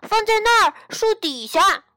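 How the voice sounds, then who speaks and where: A woman voicing a little girl bunny, lively and childlike, with loud exclamations in a storybook. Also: high voice, moderate pace, no echo, clean studio sound, faint music behind. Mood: excited.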